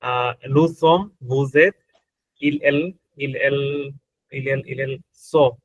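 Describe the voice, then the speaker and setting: Hesitant man, very slow. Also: medium pitch, fairly even intonation, no room sound, highs cut off. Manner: hesitant, corrects himself. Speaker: student.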